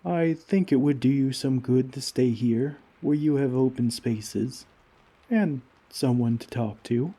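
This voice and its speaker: A roleplay audio performer voices a kindly giant in an ASMR comfort roleplay, addressing a tiny friend formally and tenderly with courteous, old-fashioned wording. His medium-pitched voice is unhurried, warm and slightly rough, and the mood is warm and reassuring.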